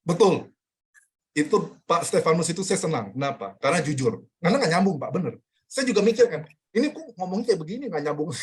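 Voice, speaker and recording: A man teaching an online Bible study in a casual way, asking the group rhetorical questions and repeating key phrases, heard over a video call. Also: high voice.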